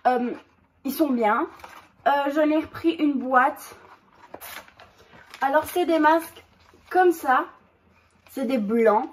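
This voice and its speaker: A woman's voice: high-pitched, takes it slowly, pauses often. A woman doing a casual product haul vlog, reading packaging aloud and talking hesitantly with many fillers. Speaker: haul vlogger.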